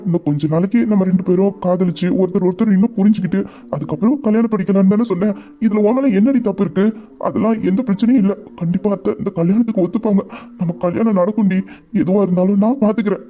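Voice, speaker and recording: A man voicing a gentle young fiancé who softly reassures in an amateur audio drama. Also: high-pitched. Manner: soft, soothing, hushed.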